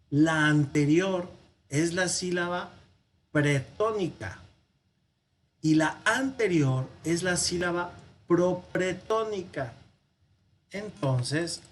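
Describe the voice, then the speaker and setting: A man with a Mexican Spanish accent teaching a language lesson, slow and patient, thinking aloud with pauses. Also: fairly high pitch, slight background noise. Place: parish classroom or home office.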